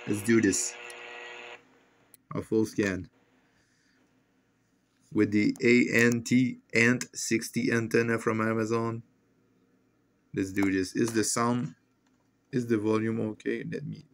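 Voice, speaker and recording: A man with a lowish, steady voice speaks slowly, with vocal fry and frequent pauses. He's a shortwave hobbyist at an indoor desk, filming a scanning video on a handheld phone and casually muttering slangy remarks to himself while testing a radio, with shortwave noise in the background.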